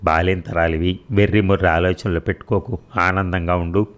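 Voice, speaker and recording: A fussing, loving middle-aged mother voiced by a male narrator reading a story aloud, scolding her grown daughter fondly. The voice stays deep and low throughout. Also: steady tone, normal speed.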